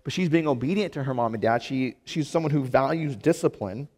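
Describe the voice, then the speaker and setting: A man's voice: medium pitch, animated, a little fast, a little mellow. A man teaching a Bible lesson in a casual, conversational way, full of fillers and restarts.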